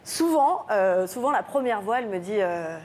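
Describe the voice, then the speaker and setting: A woman's voice: mid-range voice, animated, moderate pace, a little mellow, a little hiss or hum. A woman comedian telling chatty comic anecdotes as a guest on a TV talk show set, with frequent fillers. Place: TV studio set with audience.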